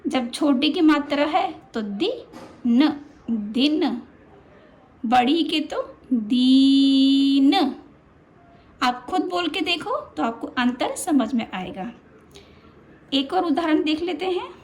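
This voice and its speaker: A woman teaches a children's lesson in a high voice. She speaks slowly and patiently, stretching and repeating each sound so it sinks in. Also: lively intonation.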